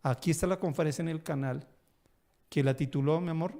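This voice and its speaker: High-voiced man preaching a sermon. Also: brisk, mellow. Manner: storytelling with acted dialogue and rising emphatic bursts. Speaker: pastor.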